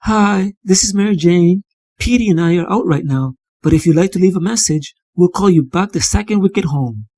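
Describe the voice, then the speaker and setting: Fretful young woman, as a man voices her, rambling on about her worries in a higher, husky register. The tone is mellow and dark, and the read is close and dry for a motion comic. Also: moderate pace, no room sound. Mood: cheery. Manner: anxious, rambling.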